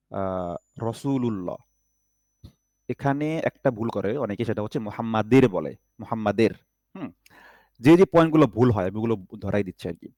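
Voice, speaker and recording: A man's voice: on the low side, dark tone, dry recording, clean studio sound. A man teaching an online recitation class, patiently stretching out each syllable as he demonstrates and often checking that his students follow.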